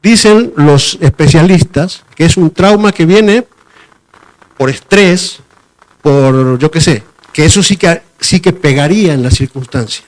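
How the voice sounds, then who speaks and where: A man's voice: on the high side, measured pace. A man giving a sermon in a conversational way, often repeating phrases and stopping to search for words. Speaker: preacher.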